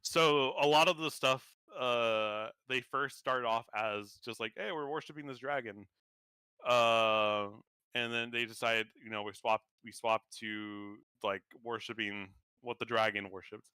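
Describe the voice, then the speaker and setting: A man's voice: medium pitch, unhurried, bright, forceful tone, clear, resonant tone, dry recording, studio quality. A man narrating as game master of a tabletop game, rambling with many fillers and restarts.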